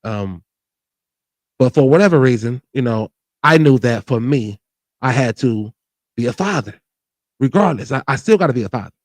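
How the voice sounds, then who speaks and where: This man in his forties hosts a show and speaks candidly, earnestly about his own life, often restarting and tacking on "you know what I mean." His medium-pitched voice has lively intonation, a moderate pace, and long pauses. The recording is dry.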